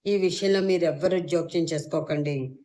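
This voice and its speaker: A woman voicing a furious young man who shouts stern demands in an audio story. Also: deep voice, moderate pace, lightly acted. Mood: angry.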